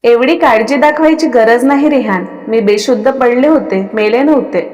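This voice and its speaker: A woman voicing a defiant, sharp-tongued young woman in a storybook reading, speaking coldly. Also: on the high side, normal speed, natural voice. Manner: cold and defiant. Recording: long reverb on the voice.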